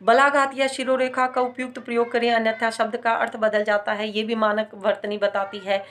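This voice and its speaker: Lady teacher going over grammar, slightly high voice, slow, leans on the example words. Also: flat delivery, a bit bright. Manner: slow, explanatory, hesitant fillers, stresses example words. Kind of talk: Hindi grammar lesson.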